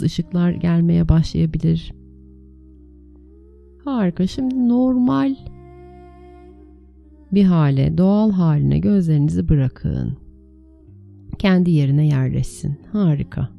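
Female meditation guide: lowish, very mellow voice, soothing and unhurried, gentle instructions with spacious pauses. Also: gravelly, highs cut off, soft background music. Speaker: meditation teacher leading a guided meditation.

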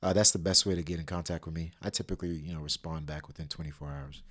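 A man's voice: very deep voice, steady tone, fast talker, a bit bright. A man from Sierra Leone, a podcast guest talking casually, laughing easily and filling with "you know". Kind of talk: casual interview chat.

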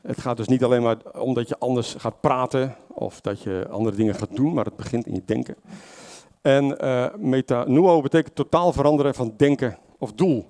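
This man, a lay preacher, delivers a relaxed sermon at normal speed in a mellow, medium-pitched voice. He often uses fillers, corrects himself, and asks the congregation questions along the way.

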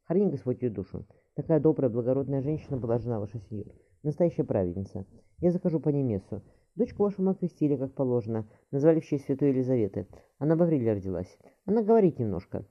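Brief: male narrator doing a warm-hearted peasant nurse, fast-spoken and pious, narrow lo-fi sound. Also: medium pitch, big pitch swings. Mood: kindly. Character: kindly middle-aged peasant woman, a child's nurse. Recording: thin phone-like audio.

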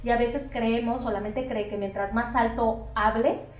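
A Mexican woman therapist explaining things in lively conversation, acting out quoted voices with many fillers. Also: a little high, a little slow. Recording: roomy, distant mic.

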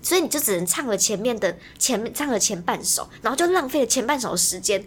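A young woman, chatting on a podcast in an animated, ranting way and laughing often. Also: a little high, fast talker, a little hiss or hum. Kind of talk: casual chat.

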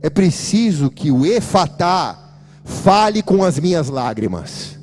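Brazilian pastor guy preaching hard at the church, voice sitting high and swinging all over, bit of music low behind. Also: very animated, takes it slowly, darkish tone. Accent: Brazilian Portuguese. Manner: emphatic, preachy, addresses the congregation directly. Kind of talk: fiery church sermon.

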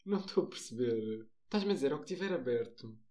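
A man's voice: mid-range voice, animated, quick pace, dark tone. A man with a European Portuguese accent co-hosting a podcast in casual chat, teasing and playful. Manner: teasing, playful, mock-exaggerated. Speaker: podcast co-host.

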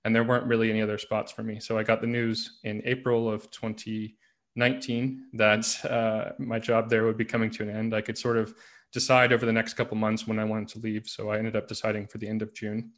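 A man from the United States, a podcast guest, telling his story in a relaxed, rambling way. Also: fairly low pitch, fairly quick. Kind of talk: casual interview conversation.

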